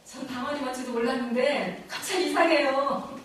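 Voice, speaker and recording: A middle-aged woman recounts her conversion as a guest speaker at a church lecture. Her voice sits a little high, and she tells the story with animated, emotional energy, laughing often. The mic is some way off in a very echoey lecture room. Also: normal speed, recorded from a distance. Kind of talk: personal faith testimony talk.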